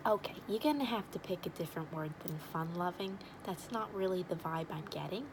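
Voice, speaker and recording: A woman's voice: fairly low pitch, expressive, brisk, background noise, lightly acted. A woman playing a blunt, nosy, wisecracking matchmaker in an ASMR role-play, with an overdone regional accent and teasing sales patter.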